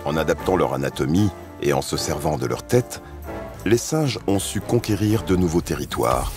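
Deep-voiced man narrating a nature documentary. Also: lively intonation, normal speed, music in the background.

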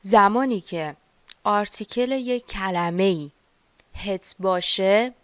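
A woman teaching a language lesson, explaining patiently and repeating each word slowly. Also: medium pitch, a bit bright, dry recording.

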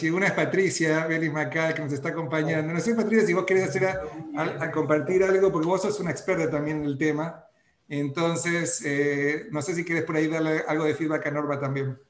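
A man's voice: fairly high pitch, echoey room. A man hosting an online webinar on a video call, reading out feedback and then explaining a point. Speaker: webinar host.

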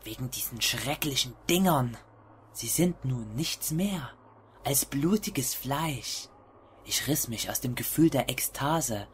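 A man voicing a deranged narrator of a horror tale in a hushed, creeping delivery. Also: medium pitch, slight background noise. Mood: dark ecstasy. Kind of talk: scripted first-person horror narration.

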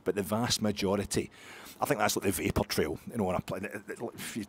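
A man's voice: on the low side, steady tone, fast talker, husky. A middle-aged Scottish man, a podcast host, giving rambling post-match football chat full of restarts and sighs. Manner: rambling, self-interrupting with many restarts and sighs.

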